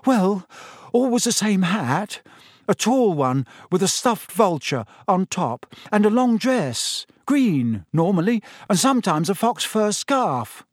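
A man voicing a timid, nervous schoolboy who talks in a hesitant, halting way. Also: high voice, big pitch swings, no room sound, studio quality, voice pushed up, full character voice. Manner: hesitant, anxious.

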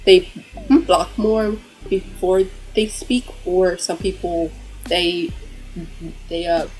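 A woman's voice: fairly low pitch, steady tone, takes it slowly, a little mellow, poor audio. A woman author who stutters heavily, with repeated sounds and blocks, talking casually in an interview.

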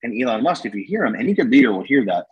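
A young man talking fast and energetically in a podcast conversation, rambling with lots of fillers and slang. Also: medium pitch, sing-song, darkish tone, breathy edge, muffled recording. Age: young adult. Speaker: guest entrepreneur.

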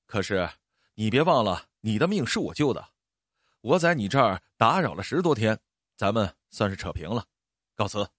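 A man's voice: fairly low pitch, big pitch swings, moderate pace, fairly bright tone, no echo, clean studio sound. A man doing a touchy, prideful drifter. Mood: cold. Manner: sulky, cold and clipped.

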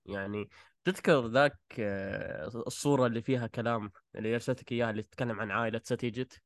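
A man's voice: mid-range voice, fairly even intonation, very fast. A man with a Gulf Arabic accent hosting a casual film discussion, often searching for words with repeated filler phrases.

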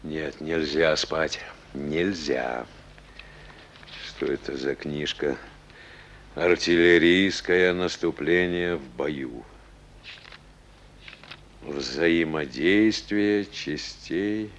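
A weary, stern army captain. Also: male voice, rumbling low, drawn-out words, pauses often, a bit bright, heavily acted. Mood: drowsy. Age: 40s. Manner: curt, commanding, tired.

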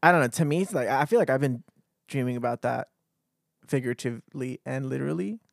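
A man's voice: medium pitch, fast, gravelly, no echo, clean studio sound. A man in his twenties co-hosting a podcast, chatting casually and rambling with false starts. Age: 20s. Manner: hesitant, rambling with restarts. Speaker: podcast co-host. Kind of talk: casual chat.

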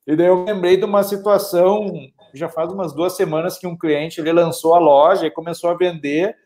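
A man's voice: high voice, fairly even intonation, a little fast, a little mellow. A man, chatting casually as an online business consultant and telling stories with acted-out quotes. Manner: storytelling with acted quotes, frequent "né". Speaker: e-commerce consultant. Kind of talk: casual chat.

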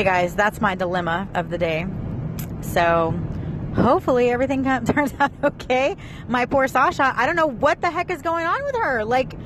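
A woman in her thirties chatting casually to her viewers in an exasperated, venting way, recording from a car. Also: mid-range voice. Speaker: vlogger. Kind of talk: casual vlog chat. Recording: car and street noise behind.

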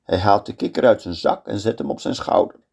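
A man's voice: lowish voice, gravelly, husky. A man telling a fairy tale aloud. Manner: slow and lively storytelling. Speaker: storyteller.

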